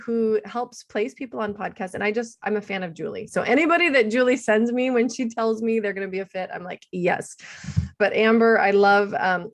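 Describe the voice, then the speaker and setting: A middle-aged woman hosting a podcast interview, chatty and enthusiastic, laughing often. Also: a little high. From United States, Seattle-based. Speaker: podcast host, attorney. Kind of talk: casual interview chat.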